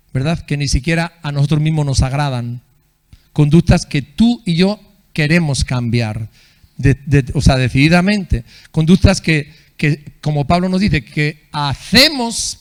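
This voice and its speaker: A man preaching a sermon as pastor in a church, in a conversational way, often checking with the congregation and acting out quoted people in a raised voice. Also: a little high.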